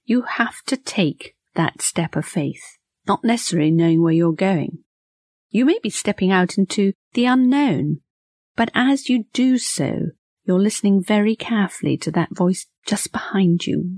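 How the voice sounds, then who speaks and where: Woman reflecting softly in a dry room. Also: medium pitch, expressive, a little slow, no echo. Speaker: devotional co-author adding reflections. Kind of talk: reflective devotional commentary.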